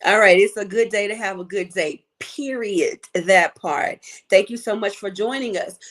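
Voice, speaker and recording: A woman's voice: mid-range voice, normal speed. Upbeat middle-aged woman hosting a podcast. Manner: upbeat, lively, playful slang. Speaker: podcast host and life coach. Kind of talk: live podcast chat.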